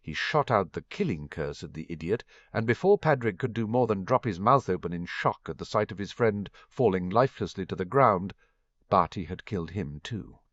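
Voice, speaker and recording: Guy reading a fanfic audiobook, deep voice, dull dry lo-fi audio. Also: normal speed, no room sound. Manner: expressive reading with varied voices. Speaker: audiobook narrator. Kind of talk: fan fiction audiobook reading.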